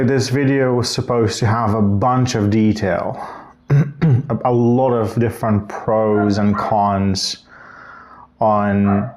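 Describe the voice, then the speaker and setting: A Bulgarian man, likely in his thirties, speaks casually to the camera in a reflective vlog, his voice lowish against background noise. His thoughts wander, and he keeps restarting and correcting himself mid-sentence.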